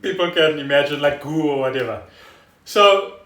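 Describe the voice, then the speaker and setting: A South African man co-hosting a casual podcast talks at a moderate pace in a slightly high, fairly bright voice, explaining news wryly and conversationally. There's a little hiss or hum in the roomy, echoey home recording.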